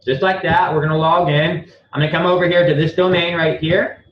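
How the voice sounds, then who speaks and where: A man's voice: on the high side, level tone, brisk, slight background noise. A man teaching a live screen-share tutorial, talking bluntly and swearing freely, repeating himself as he walks through each step. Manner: blunt and profane, repeats himself while clicking through steps. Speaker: online marketing instructor. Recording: echoey room, slightly dull lo-fi sound.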